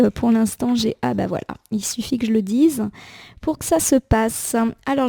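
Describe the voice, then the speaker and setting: A woman with a cold gives a gentle, reassuring daily tarot reading, thinking aloud with small fillers. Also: fairly high pitch, dry recording. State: has a cold. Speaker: tarot card reader.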